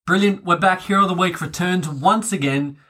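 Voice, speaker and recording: A man's voice: high voice, a little fast, loud music behind the voice. A man hosting a casual sports podcast, chatty and upbeat as he steers the segments. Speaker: podcast host.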